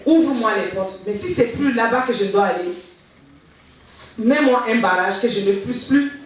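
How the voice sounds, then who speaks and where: A woman's voice: fairly high pitch, moderate pace. Woman telling her story in an echoey hall. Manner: animated, acts out remembered dialogue. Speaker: church member giving testimony. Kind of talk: personal testimony, storytelling. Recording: very echoey hall, voice from far off, faint noise.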